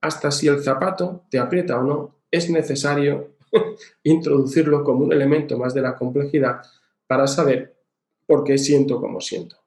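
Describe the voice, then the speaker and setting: A man's voice: medium pitch, moderate pace, vocal fry, darkish tone. A man giving a recorded lecture on emotional education, explaining patiently with examples and rhetorical questions. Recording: echoey room.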